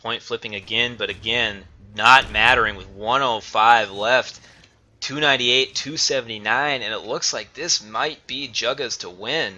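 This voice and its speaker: A man casting a live esports match, excitable and getting loud on big plays. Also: mid-range voice, measured pace. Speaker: esports caster. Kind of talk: live play-by-play commentary.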